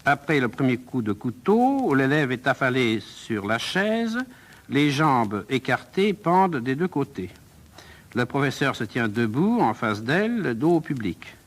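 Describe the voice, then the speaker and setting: A man reading a play's stage directions in a calm, measured way. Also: mid-range voice. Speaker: reader.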